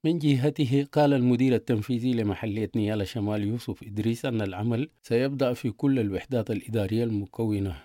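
A man's voice: mid-range voice, fairly even intonation, fast talker, hardly any pauses, warm tone, no room sound, clean studio sound. A man reading scripted radio news as a presenter.

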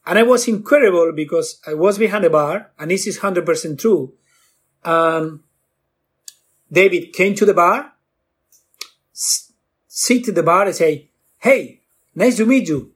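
Animated man telling stories. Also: a little slow, pauses often, husky. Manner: acts out quotes with jumps in pitch, non-native grammar. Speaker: guest bartender. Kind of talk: animated storytelling.

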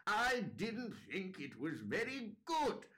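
A man voicing a blunt, stubborn woman of ninety-two who repeats her harsh verdict flatly. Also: sits high, slow, pitched above the performer's own voice, exaggerated voice. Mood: stern. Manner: flat, stubborn repetition. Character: blunt 92-year-old woman, tough and difficult.

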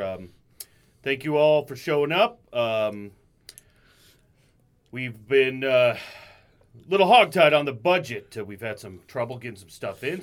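A hesitant army commander who stumbles over ums and uhs and sounds short on answers, as a man improvises him. His everyday voice sits at a middle pitch. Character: flustered underfunded male army commanding officer. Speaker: improv performer. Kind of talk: improvised comedy scene.

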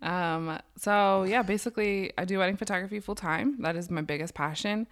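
A woman's voice: medium pitch, fairly quick. A woman in her thirties co-hosting a podcast in casual chat, easygoing and chatty with "like" fillers. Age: 30s. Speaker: podcast co-host.

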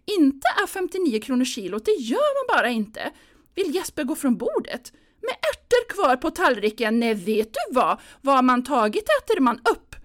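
Fretful older mother, high, wavering and whiny, voiced by a woman narrator; audiobook. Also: big pitch swings. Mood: fussing. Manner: nervous, plaintive, close to tears. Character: anxious fussy older mother hosting Christmas dinner.

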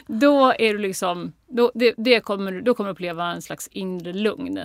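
A woman's voice: medium pitch, no echo, clean studio sound. A woman, a podcast guest chatting casually and acting out quoted dialogue as she tells stories. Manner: lively storytelling, acts out quoted dialogue.

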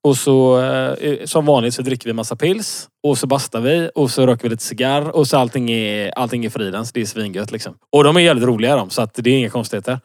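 A man's voice: medium pitch, few pauses, dry recording, clean studio sound. A man in his thirties co-hosting a casual podcast, rambling through a story with lots of fillers and laughing at himself. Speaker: podcast co-host. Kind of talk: casual chat, telling an anecdote.

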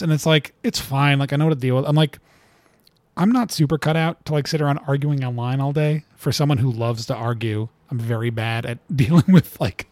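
Here the cartoonist guest has a mid-range, somewhat mellow voice, recorded without echo. He talks loosely, meandering through his stories with lots of filler words and chuckling at them himself.

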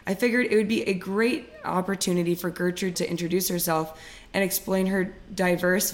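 A woman in her twenties hosting a podcast interview, making upbeat, scripted introductions and asking questions. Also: fairly low pitch. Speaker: podcast host.

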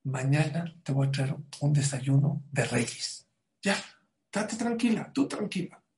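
A man voicing a humble peasant husband who hushes and calms his crying wife over and over. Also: a little high, measured pace. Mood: soothing. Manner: soothing, repetitive hushing. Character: humble young male peasant husband, soothing.

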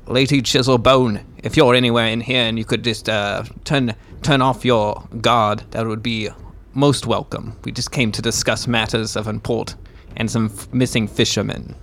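A man playing a blunt but polite adventurer in a tabletop game, calling out haltingly to parley. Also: medium pitch, level tone, a little hiss or hum, close to an everyday voice. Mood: pleading bravado. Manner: shouted out, halting.

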